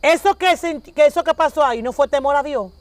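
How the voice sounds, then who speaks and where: Woman preacher, very high voice, dry close sound, animated storytelling. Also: fast talker, dry recording. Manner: animated, acts out dialogues with shifting voices. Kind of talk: conversational preaching.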